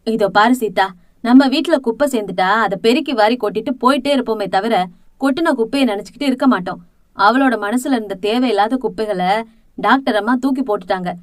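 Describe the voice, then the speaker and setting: A woman's voice: fairly high pitch, brisk, no echo, studio quality, close to an everyday voice. A woman voicing a blunt, protective older matriarch who lectures firmly in an audiobook drama. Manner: scolding, firm and lecturing.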